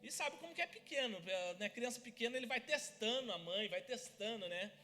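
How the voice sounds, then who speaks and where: Male pastor, lively storyteller; very high, bright voice in a reverberant church hall. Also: fairly quick, faint music behind. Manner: lively storytelling, acts out family scenes. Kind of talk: sermon with personal stories.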